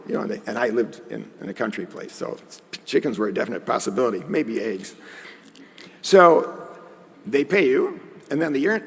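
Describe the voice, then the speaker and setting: A man's voice: medium pitch, slightly rough. A man giving a conference lecture in a conversational way, with joking asides. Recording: long hall reverb.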